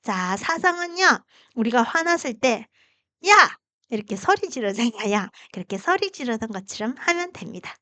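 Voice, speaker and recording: A woman teaching Chinese pronunciation, patiently demonstrating tones with long drawn-out vowels. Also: a little high, sing-song, pushed and bright, no echo. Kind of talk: pronunciation lesson.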